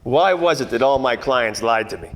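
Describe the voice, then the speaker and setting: A man gives a wry, deadpan turn as a private eye and former cop in a send-up of 1940s radio detective drama, narrating and tossing off wisecracks. His pitch is medium, his speed normal, and his voice stays close to everyday speech.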